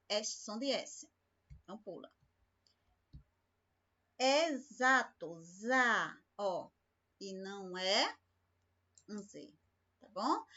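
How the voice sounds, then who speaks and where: A slow, deliberate woman teacher speaks to her class in a bright, fairly high voice. She is patient and keeps asking the class questions. The sound is dull and lo-fi. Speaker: school teacher. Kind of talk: remote class lesson.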